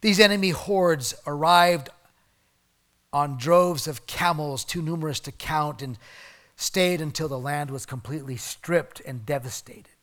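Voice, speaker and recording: A middle-aged man preaching a sermon, reading scripture and telling stories, swinging between loud emphasis and quiet asides. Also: on the high side. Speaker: pastor.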